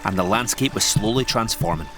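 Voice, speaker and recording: A Scottish man in his forties reading a calm, scripted voice-over narration. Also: on the low side. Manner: calm, measured storytelling. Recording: voice-over with music behind. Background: music.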